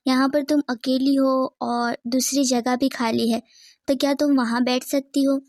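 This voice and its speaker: Woman voicing a high-voiced teenage schoolgirl. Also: a little mellow, no room sound. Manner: pleading, then increasingly heated. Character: polite but stubborn teenage schoolgirl. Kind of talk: fan cartoon dubbing.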